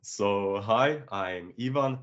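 A man's voice: fairly low pitch, slow pace, fairly bright tone, soft background music. A young man with a Croatian accent, explaining technical topics on a video call with many uh fillers. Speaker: developer relations engineer. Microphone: headset on video call. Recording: dull lo-fi call audio.

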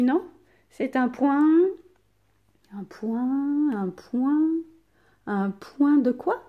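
A woman teacher giving a recorded lesson to children, speaking with exaggerated rising and falling intonation and pausing for pupils' answers. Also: high-pitched, dark tone. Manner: slow, exaggerated intonation to demonstrate punctuation; asks pupils questions and leaves pauses for answers. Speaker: primary school teacher.

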